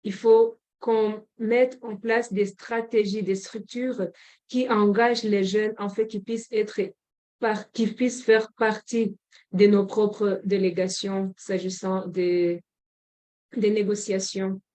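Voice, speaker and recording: Woman, formal closing speech, measured, pauses often, mellow tone, from Rwanda. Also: mid-range voice, little pitch movement. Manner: measured, with frequent hesitations. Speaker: government representative closing a forum session.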